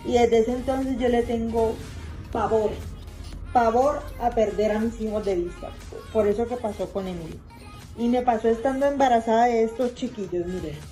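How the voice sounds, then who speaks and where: A woman with a fairly high, mellow voice tells a family story in a loose, chatty way. She circles back and repeats herself, leaning on fillers as she goes. Soft music plays faintly behind her. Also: moderate pace, rough recording. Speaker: mother vlogger. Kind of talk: casual storytelling.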